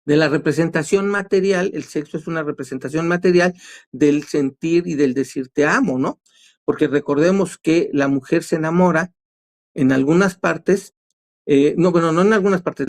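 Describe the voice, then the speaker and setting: A man speaks as a therapist guest in a casual talk show. His voice sits a little high for a man. He reasons out loud and keeps asking himself rhetorical questions. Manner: explanatory, rhetorical questions, quotes others.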